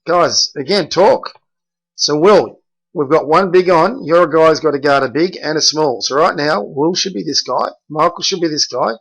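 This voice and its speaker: A man's voice: a little high, normal speed, gravelly, a bit bright, slightly rough, rough recording. A middle-aged man, a basketball coach reviewing game film and bluntly correcting his players by name.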